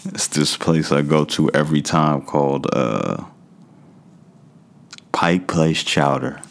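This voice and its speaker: A man's voice: rumbling low, takes it slowly, vocal fry. A man hosting a podcast solo in a casual, slangy, conversational way, talking straight to his listeners. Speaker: podcast host.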